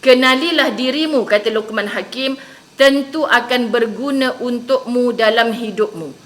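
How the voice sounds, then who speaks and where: Bright animated Malaysian woman preacher. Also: fairly high pitch, measured pace. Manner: animated storytelling, acts out quoted people. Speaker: religious teacher. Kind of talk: sermon to women.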